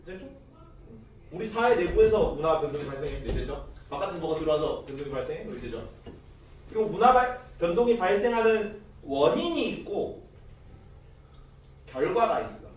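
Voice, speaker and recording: A man with a high-side, sing-song voice teaches social studies at a moderate pace, pausing often. His lecture is casual, peppered with rhetorical questions to students and joking asides, and the distant mic picks up a very echoey room.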